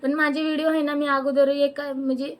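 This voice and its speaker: A woman's voice: sits high, little pitch movement, fairly quick. A young woman ranting angrily to camera, firing off indignant rhetorical questions. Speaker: vlogger. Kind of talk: angry personal rant to camera.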